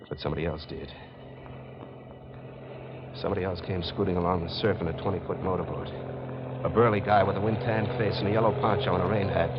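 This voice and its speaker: A deep-voiced man acts in a 1940s radio mystery, narrating in first person as a hard-boiled, uneasy drifter who becomes a reluctant accomplice to crime. His delivery is terse and brooding, and the old recording is dull and very noisy.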